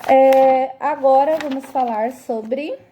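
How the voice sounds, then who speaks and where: A woman's voice: high voice, slow pace, mellow, slight background noise. A woman teacher giving a review lesson to eighth graders, explaining patiently and often stopping to check that the students follow. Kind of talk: recorded classroom review lesson.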